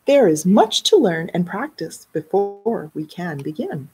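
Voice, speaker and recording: A woman voicing a patient female violin teacher in a children's picture book, speaking slowly and carefully as she instructs. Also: fairly low pitch, sing-song, over music. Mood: instructive.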